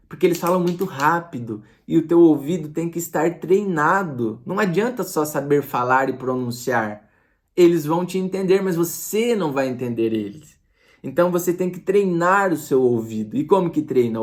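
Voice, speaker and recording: A man teaching English in a casual online lesson, drawing out each word he drills and dropping chatty asides. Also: mid-range voice.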